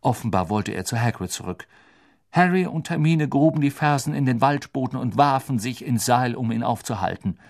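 Male narrator, audiobook reading, expressive, lively melody, gravelly. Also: mid-range voice, normal speed. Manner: expressive storytelling, voices the characters.

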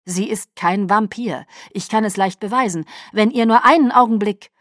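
A woman voicing a calm male vampire patriarch who argues earnestly and evenly for peace. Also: mid-range voice, moderate pace, dry recording, studio quality, natural voice. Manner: earnest, level, persuasive.

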